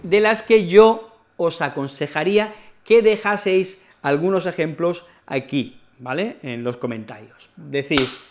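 High-voiced, playful Spanish teacher from Spain. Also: male voice, measured pace. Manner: chatty, playful, many tag questions. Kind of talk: online Spanish lesson.

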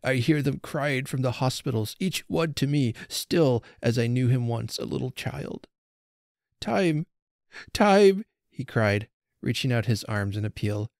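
A man's voice: mid-range voice, steady tone, normal speed, gravelly, a little mellow, no echo, clean studio sound, lightly acted. Father Christmas, read by a man, old and grieving. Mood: frightened. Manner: trembling, mournful, pleading. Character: sorrowful old Father Christmas, frail and haunted.

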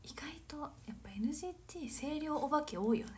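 A woman in her twenties from Nagano, chatting casually on a livestream, giggling and drifting into soft whispered asides. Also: high voice, expressive, fast, a little hiss or hum. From Nagano, Japan. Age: 20s. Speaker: livestream host. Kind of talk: casual chat reading viewer comments.

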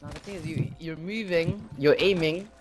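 A man's voice: on the high side, normal speed, faint music behind. A young man in slangy casual gaming banter, repeating himself. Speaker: gamer.

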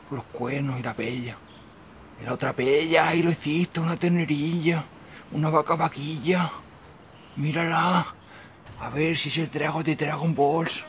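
Catalan guy filming outside on his phone, gravelly creaky voice, mutters and repeats himself, keeps going to a whisper. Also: on the high side, fairly bright tone, slight background noise. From Maresme, Catalonia. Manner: repetitive, muttering, often drops to a whisper. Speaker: amateur filmer. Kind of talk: casual commentary while filming. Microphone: phone camera.

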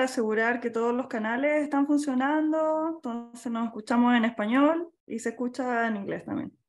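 A woman from Chile, a business consultant, presenting on a video call in a slow, careful and polite way. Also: on the high side.

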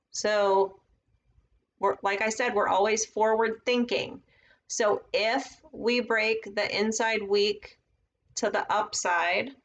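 Woman walking thru trading charts on a live stream, slow and relaxed, kinda thinking out loud at her desk. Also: mid-range voice. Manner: casual, thinking aloud while drawing on charts. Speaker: trading educator.

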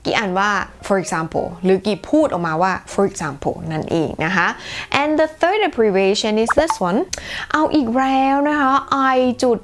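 A woman's voice: mid-range voice, very animated, slow, slight background noise. A woman hosting her own channel, teaching English in a bilingual lesson with a chatty, playful, self-teasing manner and careful model sentences.

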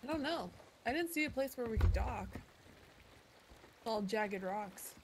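A woman chatting casually while playing a co-op game, gushing and excitable. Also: fairly high pitch, measured pace, background noise. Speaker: gamer playing co-op. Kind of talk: casual gameplay chat. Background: game music.

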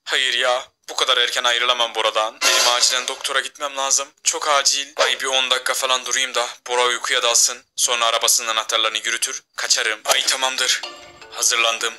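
A man's voice: mid-range voice, level tone, brisk, music in the background, close to an everyday voice. Man putting on a fretful young woman. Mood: panicked.

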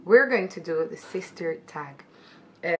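On her living room couch, a YouTube host in her twenties runs a casual sister tag chat on her channel, playful and teasing and sometimes dropping into quiet whispers. Her voice is low, expressive, and unhurried.

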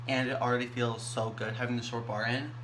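A man's voice: mid-range voice, level tone, brisk. A young adult man chatting casually to a camera at arm's length in a small bathroom. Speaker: vlogger. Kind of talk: casual chat. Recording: clear background noise in bathroom.

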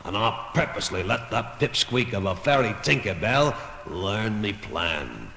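Gravelly Captain Hook, scheming pirate villain. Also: male voice, fairly low pitch, expressive, unhurried, bright, forceful tone, exaggerated voice. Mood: gloating, vengeful. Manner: theatrical, gloating. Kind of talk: children's story record acting. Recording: roomy, reverberant, faint noise.

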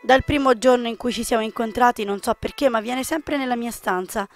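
A woman reading a visual novel's narration aloud, expressive, with small slips and restarts. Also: a little high, a little fast, soft background music.

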